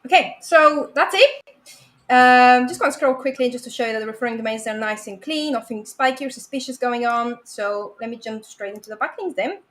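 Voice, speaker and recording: A woman presenting a domain review on a live show, upbeat and quick to laugh. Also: on the high side, a bit bright, soft background music. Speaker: domain analyst guest. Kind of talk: casual live-stream presentation.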